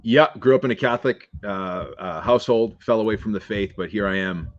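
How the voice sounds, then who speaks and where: A man's voice: fairly low pitch, a little fast, dry recording, muffled recording. A man talking as a podcast guest in a casual interview, earnest and laid-back with many fillers.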